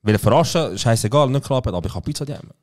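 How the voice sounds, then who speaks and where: A man's voice: mid-range voice, very fast. A man with a Swiss German accent, co-hosting a casual podcast chat and telling stories full of acted-out quoted dialogue. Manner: animated storyteller acting out quoted dialogue. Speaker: podcast co-host.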